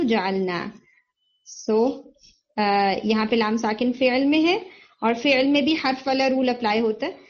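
A woman's voice: a little high, highs cut off. A woman teaching Quran recitation rules, patiently quizzing her students and confirming their answers as she explains, mixing in English terms.

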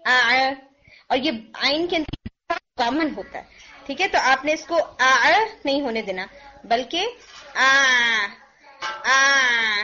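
High bright woman with a sore throat. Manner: patient, demonstrates sounds by drawing them out. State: sore throat, clearing it often. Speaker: Quran recitation teacher. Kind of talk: online pronunciation lesson. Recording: dull lo-fi recording.

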